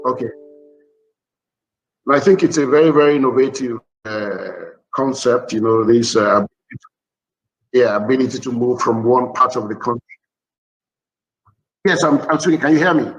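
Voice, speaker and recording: A man's voice: medium pitch, normal speed, pauses often. A man on a video-call panel, his voice fading in and out over choppy internet call audio as he keeps checking whether he can be heard. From Nigeria. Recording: distant, dropping-out call audio.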